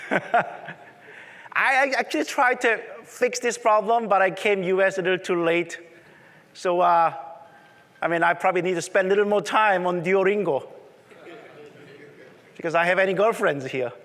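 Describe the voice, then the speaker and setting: High-voiced man with a strong Korean accent. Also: normal speed, long pauses, a bit bright. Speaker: conference presenter. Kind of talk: technical conference presentation. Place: large presentation room. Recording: echoey hall reverb.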